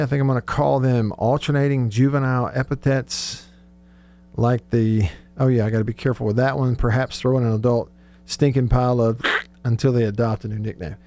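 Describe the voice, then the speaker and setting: A man with a medium-pitched, darkish voice hosts casual sports talk radio, chatting and joking as he reads listener texts. He's recorded on a close studio radio microphone.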